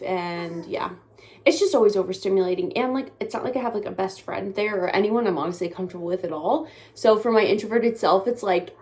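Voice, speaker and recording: A woman's voice: mid-range voice, a little mellow. A young adult woman and mom, talking casually to the camera in a rambling way, with lots of "like". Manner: chatty, rambling, heavy use of "like". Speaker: mom vlogger. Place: parked car. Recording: car and road noise behind.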